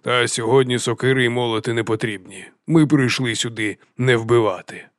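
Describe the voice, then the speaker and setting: A man voicing a fat, cheerful, half-mad male chieftain, drawling and sing-song, dropping to a hush and then booming. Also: steady tone, moderate pace, no room sound, studio quality, lightly acted. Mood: jovial, unhinged. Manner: drawling and sing-song, swinging between hushed and loud. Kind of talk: audiobook character voice.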